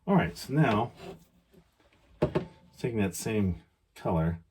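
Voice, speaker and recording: Gentle painting instructor guy, very husky and kinda low, talks thru each step casually with pauses. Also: lively intonation. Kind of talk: casual painting demonstration, thinking aloud.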